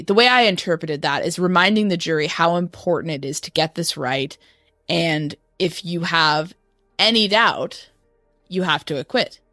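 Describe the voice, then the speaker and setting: A woman with a fairly low voice hosts a true-crime discussion. She explains the trial informally, with loose conversational phrasing. The sound is close and dry, with no room to it. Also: a bit bright, no echo. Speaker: podcast host.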